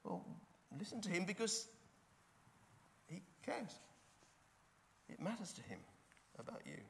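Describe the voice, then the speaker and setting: A man's voice: high voice, big pitch swings, measured pace, gravelly, fairly bright tone, a little hiss or hum. A man preaching a sermon into a fixed microphone, talking conversationally with rhetorical questions and repetition. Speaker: pastor. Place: church. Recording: reverberant church hall.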